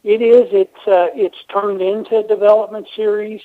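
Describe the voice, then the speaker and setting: Man, team owner, phone interview, high-pitched, dry close sound, phone-line audio, steady and filler-heavy. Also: normal speed, dry recording. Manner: steady explaining with many fillers. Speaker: race team owner guest. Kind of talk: radio interview over the phone.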